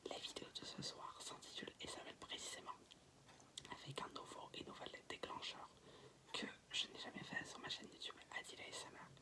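A young man hosts in a whispered ASMR style. His delivery is slow and deliberate, almost entirely unvoiced, with careful, repetitive announcements. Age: teens to young adult. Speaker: ASMR channel host. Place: small bedroom, indoors. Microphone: built-in device mic at arm's length, no external microphone.

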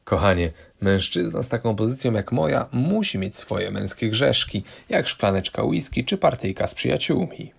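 A man's voice: medium pitch, expressive, normal speed, gravelly, few pauses, husky, exaggerated voice. A man reading a condescending gambling husband. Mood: patronizing. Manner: condescending, defensive. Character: smug middle-aged husband, dismissive gambler.

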